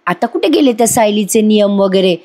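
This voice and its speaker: A woman's voice: mid-range voice, expressive, brisk, mellow, lightly acted. A woman voicing a scheming young wife in a TV serial recap, whining and protesting in a raised voice.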